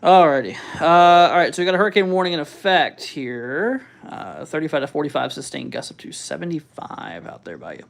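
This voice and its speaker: A man hosting a live weather stream, giving casual, halting commentary as he thinks aloud and reads out figures. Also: fairly high pitch, expressive, vocal fry. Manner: informal, halting, thinking aloud while looking things up. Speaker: weather livestream host.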